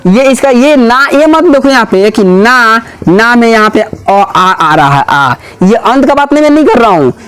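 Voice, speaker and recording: In a classroom, a high-voiced man leads a grammar lesson, peppering the class with questions and echoing every answer back. His delivery is sing-song, a little slow and smooth, with few pauses and a slightly bright tone.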